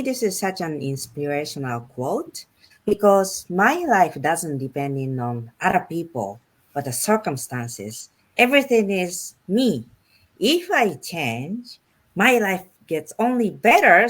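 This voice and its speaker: Slow, earnest, low-voiced woman from Japan. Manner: earnest, slow, halting, laughs often. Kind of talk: casual group video chat.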